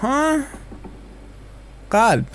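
A man's voice: extremely high pitch, sing-song, noisy background. A man streaming, giving casual, joking reaction commentary on game footage, playful and crude. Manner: joking, playful, swears freely. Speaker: gaming streamer.

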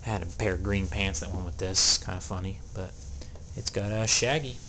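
A man's voice: low voice, steady tone, moderate pace, very noisy. A young man in a small room at home, rambling and hesitant through a casual show-and-tell of his collection, with plenty of ums. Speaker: collector selling items.

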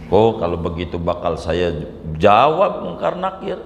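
A male preacher tells stories in a colloquial, unhurried sermon. His slow delivery rings through a large hall, with roomy echo and a long reverb tail. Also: on the low side. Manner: storytelling, colloquial, animated. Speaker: Islamic preacher. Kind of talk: informal sermon.

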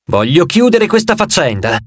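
A man's voice: sits high, sing-song, normal speed, no room sound, studio quality. A man voicing a tense, brooding young man who leads an army, in an audiobook, speaking curtly and grimly. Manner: curt, grim.

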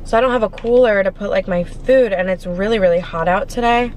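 Sitting in a parked car, a woman in her twenties with an American accent, a food vlogger, chats informally and gushingly to the camera, talking between bites. Her medium-pitched voice is fairly quick with a darkish tone, and faint car and street noise can be heard in this casual eating vlog.

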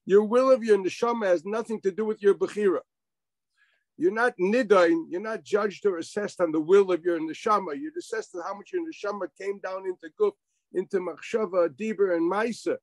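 A man's voice: high voice, a little fast, dry recording, low-quality recording. A man teaching an informal Torah class over a video call, wry and sarcastic, firing rhetorical questions and sprinkling in Hebrew and Yiddish terms.

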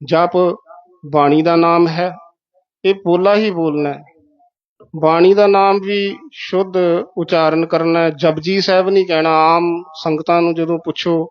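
A man teaching the correct recitation of scripture, slowly repeating words syllable by syllable. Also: on the high side, dull audio. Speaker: Gurbani pronunciation teacher.

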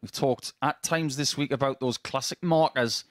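A man's voice: medium pitch, normal speed, no room sound, studio quality. A man giving live darts commentary as a sports commentator.

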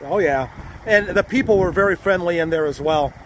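A man's voice: high-pitched, a little fast, slight background noise. A man hosting a casual food-review vlog, chatting and rambling while he eats at a buffet restaurant. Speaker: vlog host. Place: buffet restaurant, then outdoors.

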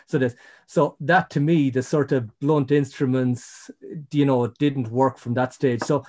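A man's voice: mid-range voice, steady tone, a little slow, darkish tone. An Irish man, middle-aged, telling his story in a casual interview, rambling with many restarts and "you know". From Ireland. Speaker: guest, ecologist.

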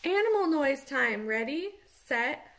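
A woman's voice: sits high, measured pace, slight background noise. A woman music teacher reading a picture book aloud outdoors at home and leading children in call-and-response vocal sounds. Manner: animated, sing-song call-and-response vocalizing.

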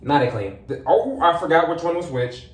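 A man's voice: on the high side, moderate pace. A young man in his twenties chatting casually and expressively, walking viewers through a demonstration like a vlogger. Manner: playful, expressive, exclaiming. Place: small home bathroom, indoors. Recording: roomy bathroom echo, faint noise.

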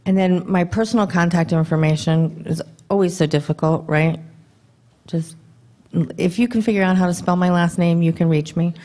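A woman in her thirties giving a conference talk at a podium microphone in a dim hall, brisk and conversational, throwing rhetorical questions to the audience. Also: lowish voice, steady tone, mellow. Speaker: government contracting presenter. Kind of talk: conference presentation.

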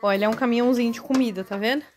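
A woman's voice: fairly high pitch, steady tone, racing, background noise. A woman, chatting eagerly to her viewers while she shows things outdoors on a street. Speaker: vlogger. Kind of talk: casual vlog walkthrough.

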